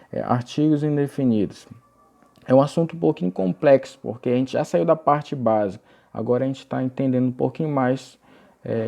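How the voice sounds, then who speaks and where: A young man teaching English grammar in a recorded video lesson, explaining patiently and reading example phrases aloud slowly. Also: medium pitch, creaky, mellow.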